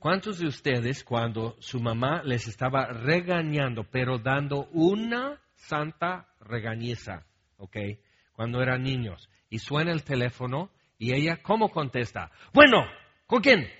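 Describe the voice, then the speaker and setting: Slow-talking Mexican pastor preaching. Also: male voice, mid-range voice, expressive, a bit bright, slightly rough, highs cut off. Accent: Mexican Spanish. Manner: conversational, keeps checking in with the congregation; humorous storytelling with asides. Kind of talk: sermon.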